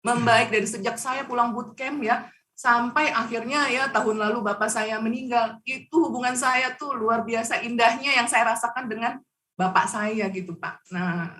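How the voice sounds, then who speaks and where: A woman's voice: a little high, steady tone, normal speed, bright, forceful tone, distant mic. A woman who is a guest on a talk show, earnestly telling a personal story. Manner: earnest, laughs between phrases.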